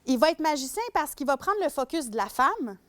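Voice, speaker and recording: A woman's voice: sits high, big pitch swings, brisk, a bit bright. A woman with a Québécois accent giving a public lecture as a shelter worker on domestic violence. She speaks animatedly and acts out scenarios. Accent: Québécois French.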